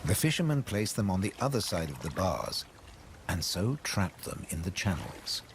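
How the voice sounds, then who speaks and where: A man reading scripted nature documentary narration in a measured way, with dramatic pauses. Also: sits low, very animated, creaky, a little hiss or hum. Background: background music.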